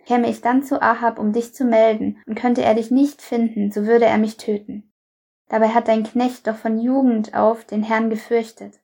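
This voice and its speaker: A woman's voice: fairly high pitch, level tone, moderate pace, gravelly, dark tone, husky. A woman voicing a frightened male palace steward who pleads for his life, read aloud in a Bible reading. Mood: pleading.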